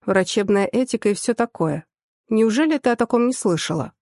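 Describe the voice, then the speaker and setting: A woman voicing a calm, teasing young man in an audiobook, speaking in a lowered, unruffled and dry good-humoured way. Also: a little fast, no room sound. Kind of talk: audiobook character voice.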